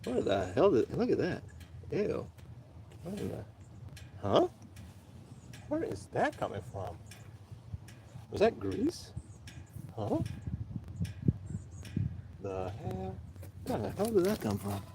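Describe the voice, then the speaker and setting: Taking it slowly and pausing often, a man with a mellow, high-leaning voice and huge pitch swings livestreams from his homestead. He works outdoors, sniffling from allergies, talking to himself and swearing casually. His audio comes from a camera set up nearby, with plenty of work-site noise.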